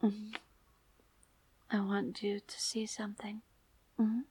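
A young woman speaking in an intimate audio roleplay, breathy and soft, often sinking to a whisper close to the mic. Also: mid-range voice, monotone, takes it slowly.

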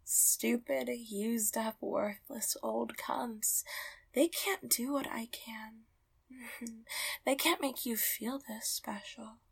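Breathy, whispering high-voiced woman. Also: fairly even intonation, takes it slowly. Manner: soft, breathy, close whispering with soft laughs. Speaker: audio roleplay performer. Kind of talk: intimate whispered roleplay.

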